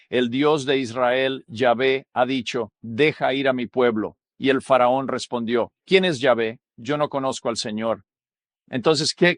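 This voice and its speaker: A man's voice: medium pitch, no echo. Male pastor leading a Bible study, mid-range voice, questions the listeners often, dry close mic. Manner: asks rhetorical questions, checks in with "¿verdad?".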